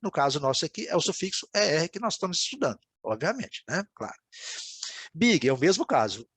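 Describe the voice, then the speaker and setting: A man's voice: fairly high pitch, big pitch swings, a little fast, fairly bright tone, slightly rough, dry recording. A man teaching an English lesson in a video class, explaining words patiently and often checking in with his students.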